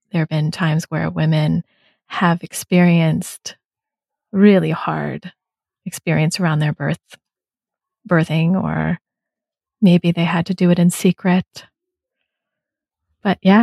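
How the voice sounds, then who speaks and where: Slow talking woman host, low mellow voice, thinks out loud. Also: no room sound. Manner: slow, thoughtful and reflective. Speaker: podcast host. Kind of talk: casual conversation.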